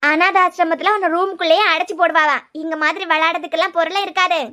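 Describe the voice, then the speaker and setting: A woman voicing a shrill scheming stepmother-to-be. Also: steady tone, fast, bright, forceful tone. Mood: threatening. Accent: Kanyakumari Tamil. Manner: scolding, threatening, sneering. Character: scheming young bride-to-be woman, cruel to a stepchild. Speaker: voice artist for a cartoon serial.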